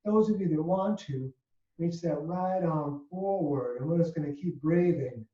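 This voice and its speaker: Calm yoga teacher cueing poses, heard from across a room. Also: medium pitch, unhurried. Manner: steady step-by-step cueing of poses and breath. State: a little out of breath. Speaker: yoga instructor. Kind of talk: live yoga class instruction. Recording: dull, roomy sound from far off.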